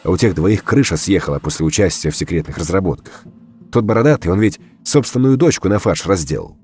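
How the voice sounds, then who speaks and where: A man voicing Gosha, a hoarse, shaken young man, in an audiobook horror story. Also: low voice, animated, brisk, a little mellow.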